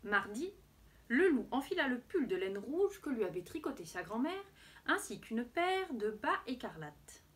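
Lively woman reading a picture book. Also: a little high, measured pace. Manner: expressive storybook reading. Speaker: teacher.

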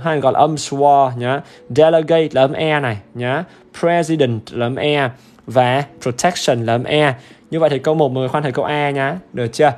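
Upbeat man teaching. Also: fairly high pitch. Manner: upbeat and chatty, keeps urging viewers to comment; repetitive check-ins with the audience. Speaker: English teacher. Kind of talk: livestream exam-review lesson.

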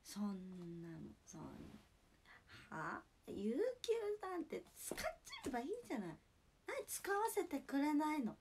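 A young woman plays a bossy middle-aged snack-bar mama with a Toyama dialect, scolding and nosy. The voice swoops up high and drawls, pushed well above her own pitch. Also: very animated, a little slow, slight background noise.

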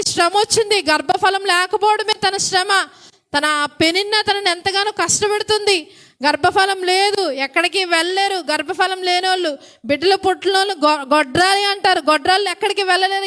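A woman's voice: very high-pitched, moderate pace, sharp tone. A woman. She throws questions out to her listeners and answers them herself, repeating the key words. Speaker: preacher. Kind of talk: sermon.

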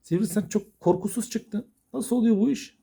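Gravelly man coaxing his pet birds. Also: high voice, moderate pace, dark tone. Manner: coaxing, affectionate baby talk to birds. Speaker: budgie owner. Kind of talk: casual talk to pet birds.

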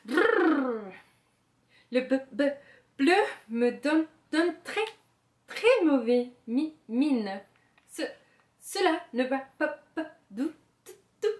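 A woman's voice: high voice, expressive, a little slow, roomy sound. A woman doing a fussy big wolf. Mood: shivering. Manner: exclaiming in dismay. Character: fussy big male wolf, never pleased.

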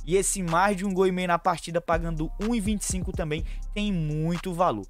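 Homem animado dando palpites de apostas. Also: male voice, high-pitched, steady tone, soft background music. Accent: Brazilian Portuguese, São Paulo fan. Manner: brisk, chummy, calls viewers family and partner. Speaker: sports betting tipster. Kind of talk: fast betting tips over screen share. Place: small room at home.

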